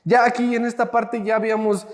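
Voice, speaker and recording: Guy with a high voice doing a reflective devotional talk, lots of reverb. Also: level tone, brisk. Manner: reflective, addresses the listener directly with questions. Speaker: preacher.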